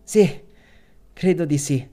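A man voicing a shy, smiling young man in love, speaking softly and bashfully. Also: fairly high pitch, slow pace, faint music behind.

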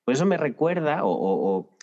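A Spanish teacher appears as a podcast guest, describing his experience teaching languages in a thoughtful way, full of anecdotes and frequent restarts. His voice is a little high and sing-song at a normal speed. The recording sounds lo-fi, with a long reverb.

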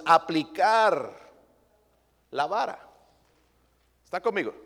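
A man's voice: on the high side, big-room sound. A male pastor preaching a sermon emphatically, throwing rhetorical questions at his congregation.

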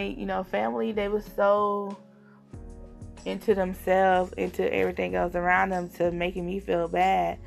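Woman with heavy vocal fry. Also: lowish voice. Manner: earnest, confiding, addresses viewers directly as y'all. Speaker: vlogger. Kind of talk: candid personal storytelling to viewers.

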